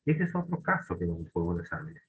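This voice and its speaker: A man's voice: low-pitched, sing-song, fast, a little hiss or hum, low-quality recording. A man teaching a grammar lesson, often restarting and checking in with short questions.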